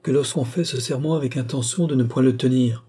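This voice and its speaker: The reader himself voices a mysterious captor, a sad and insistent man who keeps his captive in line through calm, sorrowful persuasion. His natural, medium-pitched voice is very dark and mellow with a husky roughness, moving a little fast. The storybook telling stays gentle yet never gives ground.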